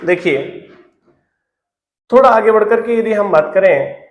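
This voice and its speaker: High-voiced male teacher in echoey room. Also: expressive, a little slow, highs cut off. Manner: repeats key words, quizzes viewers with questions. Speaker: Hindi grammar teacher. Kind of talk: classroom-style lesson to camera.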